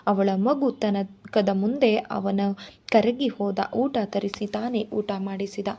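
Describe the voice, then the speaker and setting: A woman storyteller reads a novel aloud, steady and expressive. Her voice is husky and a little breathy, at an ordinary middle pitch. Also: takes it slowly.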